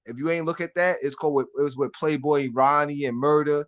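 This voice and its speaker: Man, New York–Florida accent, slangy and profane live-stream host, slightly high voice, muffled lo-fi audio. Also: fairly even intonation, a little fast. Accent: New York mixed with Florida. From Harlem, New York. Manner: loose street slang, heavy cursing, repeats "you know what I mean". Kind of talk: casual chat.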